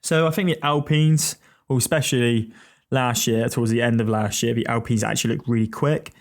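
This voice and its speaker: A man's voice: mid-range voice, fairly even intonation, brisk, vocal fry. Male podcast host, casual and profane, tired, rambling delivery. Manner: rambling, sweary, jokey.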